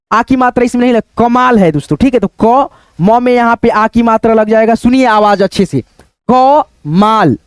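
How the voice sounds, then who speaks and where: Patient high-voiced man dictating Hindi words. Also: clean tone, dry recording. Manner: slow, patient dictation, repeating words syllable by syllable; keeps checking in with "ठीक है" and "दोस्तों". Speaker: Hindi teacher. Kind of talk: online writing lesson.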